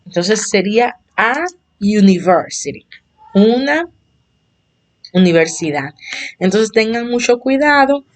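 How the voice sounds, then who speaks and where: A woman teaching beginner English at an unhurried, deliberate pace, her first language Spanish. She explains patiently and repeats each example so her students can follow. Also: a little high, animated. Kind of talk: slow explanatory online lesson.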